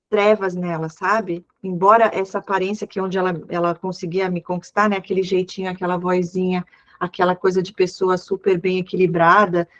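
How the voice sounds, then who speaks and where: Woman telling stories over dull audio. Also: medium pitch. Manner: animated storyteller, quotes people in acted asides. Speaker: therapist and channel host. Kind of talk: live conversation about toxic friendship. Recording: dull lo-fi sound.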